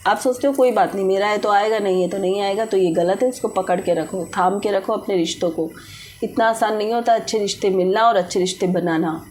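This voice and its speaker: Woman, tarot reader, direct advisory tone, mid pitch, faint background noise. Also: a little fast, a little mellow. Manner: direct advice mixing English words into Hindi. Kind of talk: tarot reading for viewers.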